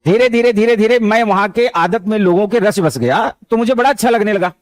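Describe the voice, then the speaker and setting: With a high-pitched voice and a slightly quick pace, free of echo, a man gives a motivational lesson. He speaks casually, telling anecdotes and dropping in stray English words.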